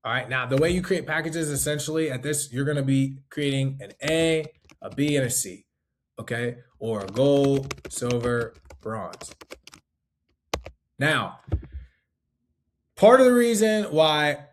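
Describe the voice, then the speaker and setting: A man's voice: mid-range voice, animated, a little slow, a little hiss or hum. A man teaching life insurance sales in a loose, conversational way, full of fillers and tag questions. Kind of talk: casual instructional talk.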